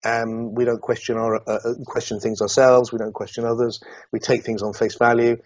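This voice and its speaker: A man's voice: mid-range voice, a little fast, no echo, dull audio. A middle-aged man from Somerset, England, a guest in an interview, talking reflectively and hesitantly, with many restarts. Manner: hesitant, many restarts, animated when recounting.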